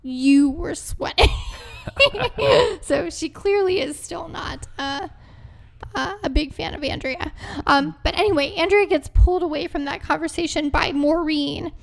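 A woman chats casually on a TV recap podcast, filling her talk with ums and small laughs. Her voice sits high. It also carries a gravelly, fry-laden texture. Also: unhurried. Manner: chatty, many ums and laughs. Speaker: podcast co-host. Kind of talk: casual chat recapping a TV episode.

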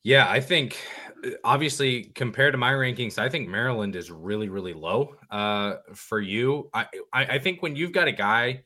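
A man appearing as a guest on a sports podcast, talking casually and thoughtfully, often pausing with ums and correcting himself. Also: mid-range voice, pushed and bright. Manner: thoughtful, hedging, many ums.

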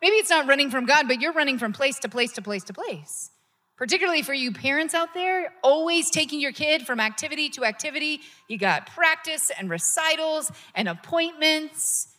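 Brief: woman pastor, high bright voice, relaxed sermon delivery, church hall reverb. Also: moderate pace. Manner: conversational preaching with rising emphasis. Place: church sanctuary.

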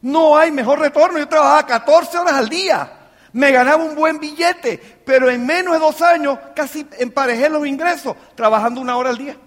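A man's voice: extremely high pitch, brisk, a bit bright. A man giving an emphatic motivational talk to a business audience, firing off rhetorical questions. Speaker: business mentor speaking to a team. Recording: long reverb of a live hall.

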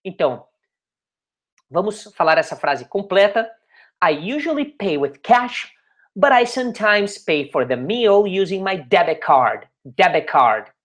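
A woman teaching English in Portuguese, repeating English phrases slowly and then explaining them quickly. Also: on the low side, sing-song. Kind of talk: bilingual language lesson.

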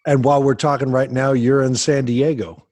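A man's voice: medium pitch, little pitch movement, moderate pace, a little mellow, a little hiss or hum. A man hosting a podcast, speaking earnestly and emphatically as he talks straight to parents and interviews his guest. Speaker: podcast host.

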